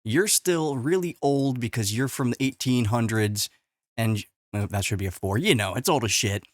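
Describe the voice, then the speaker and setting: A man's voice: mid-range voice, moderate pace, no echo, clean studio sound. A man casually explaining tech on a whiteboard, exasperated and profane, recorded on a webcam. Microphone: webcam with face overlay.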